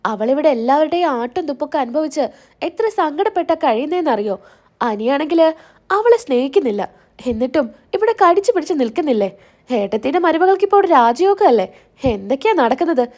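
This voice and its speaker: An indignant middle-aged mother, the younger daughter-in-law of a rich family, read by a woman narrator. She talks in a high, mellow voice, reproachful and protesting. The delivery stays close to the reader's own recap voice.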